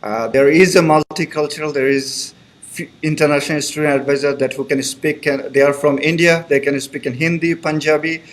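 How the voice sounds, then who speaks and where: A brisk Bangladeshi student advisor, whose first language is Bengali, speaks in a somewhat high, steady voice during a live online information session. He's friendly, keeps repeating reassurances, and his grammar is loose.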